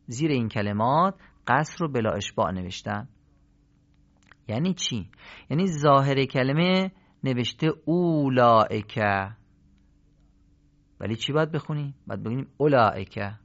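A man's voice: mid-range voice, fairly bright tone. A man teaching a Quran recitation lesson, asking questions and answering them himself, drawing out example words. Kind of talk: recorded lesson. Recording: slightly dull lo-fi recording.

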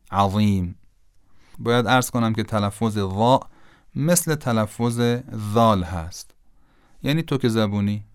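A man teaching the pronunciation of a Quranic letter, speaking deliberately and repeating words to demonstrate the sound. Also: fairly low pitch, smooth, dry recording, studio quality. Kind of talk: Quran recitation lesson.

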